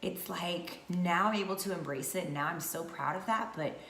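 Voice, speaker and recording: A woman's voice: on the low side, normal speed, a bit bright. A woman in her thirties from North Georgia, chatting casually to camera as a vlogger with many fillers. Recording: echoey room with faint noise.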